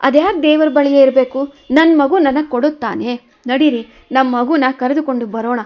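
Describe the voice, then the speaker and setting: A woman's voice: on the high side, unhurried, highs cut off, natural voice. A woman voicing a grieving young wife who pleads in tearful outbursts. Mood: pleading.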